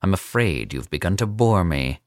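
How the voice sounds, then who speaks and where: A suave older captor, cold and amused, speaks, as a male narrator puts him on, in a very low, smooth voice. He drawls each line with easy condescension. The sound is close and dry. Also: very animated, moderate pace, no room sound. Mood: dry, mocking.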